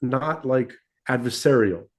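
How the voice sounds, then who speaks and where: Here a male podcast co-host talks religion casually at a measured pace, his voice sitting in the mid range. He drifts through his opinions with many restarts, checking in with "right?" and "okay?"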